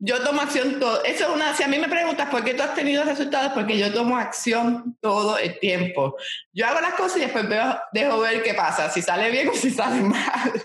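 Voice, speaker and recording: A woman's voice: on the high side, fairly bright tone, roomy sound. A woman entrepreneur, answering an interview in an emphatic, no-excuses way. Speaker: entrepreneur guest.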